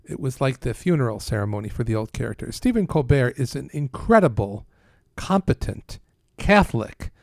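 A mid-pitched man from Canada, a priest talking as an interview guest. He speaks earnestly and steadily, praising people warmly and slipping in dry quips. His voice sounds close and dry. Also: expressive, normal speed, creaky, dry recording. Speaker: priest and Vatican press aide.

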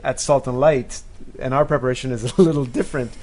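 A man's voice: medium pitch, steady tone, fast talker, a little mellow, slight background noise. Male talk show host, mid-range voice. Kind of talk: conversational interview hosting.

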